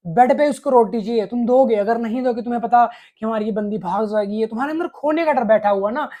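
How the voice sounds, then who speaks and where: Talking directly into the camera, this man scolds the viewer with coarse, profanity-laced relationship advice. His pitch is extremely high, his tone dark, and his pace fairly quick.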